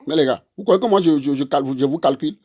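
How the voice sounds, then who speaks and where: A man's voice: fairly high pitch, fast talker, warm tone, slightly rough. A man, delivering a confrontational, repetitive monologue that scolds his listeners directly. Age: 40s. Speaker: online commentator; father and husband. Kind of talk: ranting monologue to camera.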